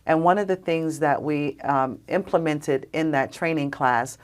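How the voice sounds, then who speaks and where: A woman, a guest on a podcast, telling personal stories in an animated, emphatic, conversational way. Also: sits low, a little slow. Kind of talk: conversational storytelling.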